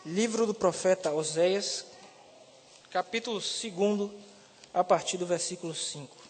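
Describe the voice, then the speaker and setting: A man preaches to a congregation, building to loud, emphatic peaks on the words he stresses. His voice sits fairly high, and it rings out in a church hall with a long reverb tail. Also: moderate pace. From Salvador, Brazil. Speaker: seminarian preacher. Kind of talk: sermon.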